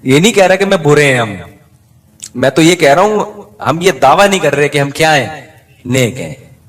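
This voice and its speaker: A man's voice: on the high side, animated, normal speed, fairly bright tone. A man giving a sermon as an Islamic preacher, telling stories with acted quotes and humor to an audience.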